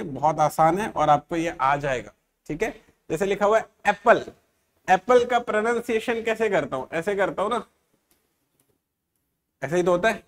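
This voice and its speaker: A man teaching an exam-prep English grammar lesson, sounding out letters and words slowly and checking often that his students follow. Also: high voice.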